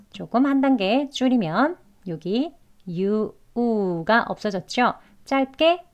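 Slow, patient woman teaching. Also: mid-range voice, a little mellow, lo-fi sound. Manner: patient, repeats each example twice. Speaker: English pronunciation teacher. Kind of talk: slow, deliberate pronunciation lesson.

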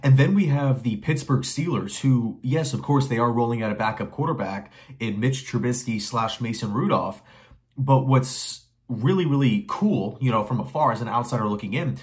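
A man's voice: medium pitch, moderate pace. A young man giving emphatic, opinionated commentary straight to camera from a small bedroom, firing off rhetorical questions and repeating phrases for emphasis. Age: young adult. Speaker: sports commentary vlogger. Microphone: webcam or phone facing him at desk.

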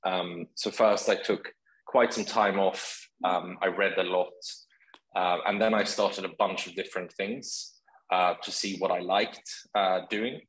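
A man in his forties from Sweden, a guest on a video-call interview, speaking in a relaxed way with many ums. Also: sits low, unhurried, rough recording. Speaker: guest, startup founder.

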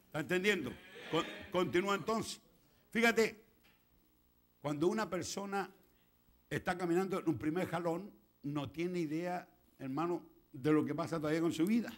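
Chilean preacher, man, middle-aged; high voice, dramatic swings from hush to shouting in a church sermon. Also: moderate pace. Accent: Chilean Spanish. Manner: swings from quiet asides to shouted preaching, acts out quoted prayers. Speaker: pastor.

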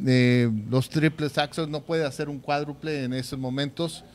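Co-hosting a sports show, a man offers commentary and analysis into a handheld microphone, with his voice masked. He speaks at a moderate pace with a slightly high voice and fairly even intonation, and noticeable noise sits behind him.

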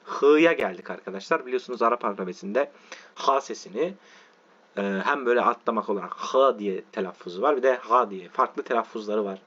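A male teacher giving an online lesson, walking through letter forms slowly and often checking that his listeners are following. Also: mid-range voice, animated, a bit bright, breathy edge. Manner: repetitive, checks in with "tamam mı arkadaşlar". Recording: dull lo-fi audio.

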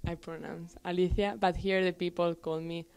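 A woman's voice: lowish voice, little pitch movement, moderate pace, gravelly, a little mellow, clear, resonant tone. A teenage woman from northern Spain, an exchange student, giggling and hesitating through interview answers.

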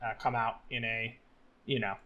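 A man's voice: mid-range voice, little pitch movement, moderate pace, highs cut off. A young man co-hosting a casual, opinionated reaction chat, repeating words for emphasis. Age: young adult. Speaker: co-host. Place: indoors at home on a video call.

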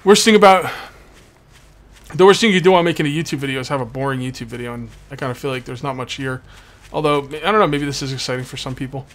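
Fast and medium-pitched, with a bit of brightness, a man rambles through casual gameplay commentary as a let's play host. He keeps repeating himself and talks through a sore, bitten tongue. Behind his voice is background noise from video game ambience.

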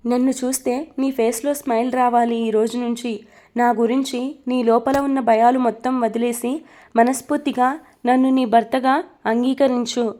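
Domineering young husband in a storybook reading, fairly high-pitched, as a woman narrator reads him. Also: steady tone, moderate pace, dark tone, close to an everyday voice. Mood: tender. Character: domineering young man turned tender husband.

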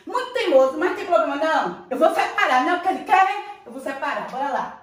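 Playful high-voiced woman teacher, echoey room. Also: expressive, fast, fairly bright tone. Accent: Brazilian Portuguese. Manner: playful, affectionate, sing-song teacher talk. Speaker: primary school teacher. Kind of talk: recorded online lesson for young children. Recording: echoey room, voice a bit far from the mic.

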